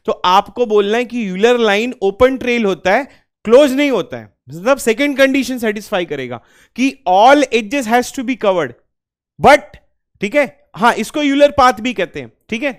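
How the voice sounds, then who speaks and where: A smooth, high male voice delivers a classroom lecture. The teacher puts questions to students only to answer them on his own, drops in bits of English, and repeats the main points.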